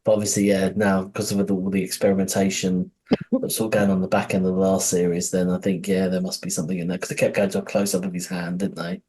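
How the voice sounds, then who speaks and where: A man's voice: sits low, level tone, fast talker, warm tone. A man co-hosting a podcast in casual, rambling chat, laughing often and swearing freely. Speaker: podcast co-host.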